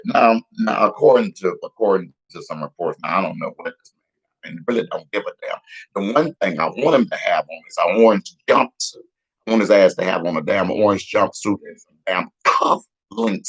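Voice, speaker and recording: A man giving casual, profane news commentary in a heated, repetitive rant, a little hoarse. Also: deep voice, fairly bright tone, low-quality recording. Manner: profane, heated, repetitive, laughs at own jokes. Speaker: vlogger giving street-style news commentary.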